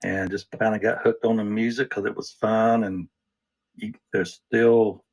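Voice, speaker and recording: A man's voice: fairly low pitch, flat delivery, a little slow, darkish tone, slightly rough, rough recording. A man as a podcast guest, talking in an easygoing, rambling way. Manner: easygoing, rambling, restarts often. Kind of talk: casual interview chat.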